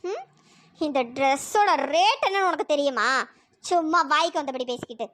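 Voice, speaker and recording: A sly young troublemaker in a cartoon, taunting in a slow, falsely calm voice, played by a pitch-shifted performer. The voice is very high and bright, and it rises and falls a lot. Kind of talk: cartoon voice acting.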